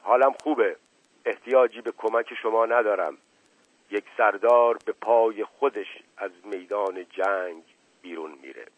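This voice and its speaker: Self-important old patriarch, read by a man, lower and hushed, tinny radio line. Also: dry recording, close to an everyday voice. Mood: stern. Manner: grave, lecturing and self-important. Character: older male patriarch, pompous and paranoid. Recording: tinny narrow-band radio sound, dry.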